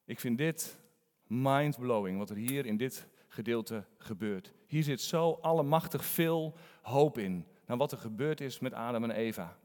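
A man preaching a sermon in a conversational, animated storytelling manner. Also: medium pitch, a little slow, long reverb tail.

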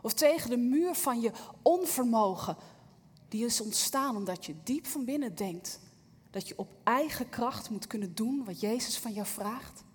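Woman preaching, earnest and reflective, a bit high, husky, long echo from a big hall. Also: expressive, unhurried. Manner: earnest, reflective, addresses listener directly. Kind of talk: sermon with Bible reading.

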